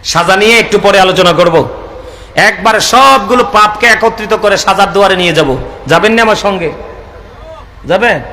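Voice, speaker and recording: A man delivers a rhythmic, impassioned sermon in a high voice. He keeps calling out to the crowd to answer him. The sound rings with the echo of a large room. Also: moderate pace, long pauses, sharp tone, slight background noise. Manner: calls out to the audience for responses; rhythmic, impassioned preaching with regional dialect asides. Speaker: preacher. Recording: echoey hall sound.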